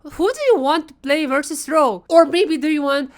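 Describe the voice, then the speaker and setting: A woman's voice: high voice, normal speed, heavy background noise. A woman reacting casually to an esports broadcast in a reaction video, opinionated and informal in her talk.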